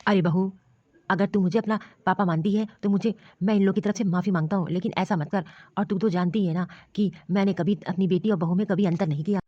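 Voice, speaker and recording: A woman's voice: mid-range voice, fairly even intonation, fast talker, no echo, lightly acted. Woman doing a stern old father-in-law. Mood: pleading. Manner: scolding, commanding. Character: stern caring elderly father-in-law, protective. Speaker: cartoon voice actor. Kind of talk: storybook cartoon dialogue. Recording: dull lo-fi dry recording.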